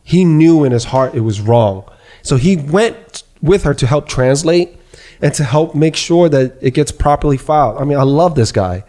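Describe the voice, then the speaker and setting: A podcast host chats casually, his voice dark and mellow yet a little high, at normal speed. He sounds excited and keeps repeating phrases for emphasis.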